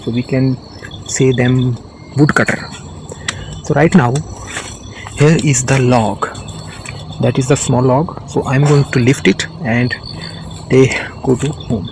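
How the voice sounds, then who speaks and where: Male English tutor, slow and halting, vlogging outdoors with loud crickets behind. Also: mid-range voice, fairly even intonation, background noise. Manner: simple, halting English with frequent restarts. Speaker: English teacher. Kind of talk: casual teaching vlog. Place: outdoors in a village field.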